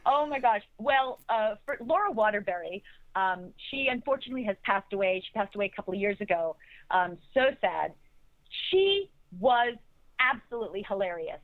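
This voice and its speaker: A woman's voice: medium pitch, lively intonation, moderate pace, no room sound. A middle-aged actress answering interview questions, enthusiastic and rambling, often restarting her sentences. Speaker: actress guest. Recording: tinny phone-like line, dry.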